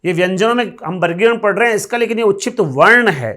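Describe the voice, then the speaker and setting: High-voiced man teaching grammar. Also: animated, fast talker, sharp tone. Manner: explains step by step, repeats key terms, asks and answers own questions. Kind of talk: classroom grammar lecture.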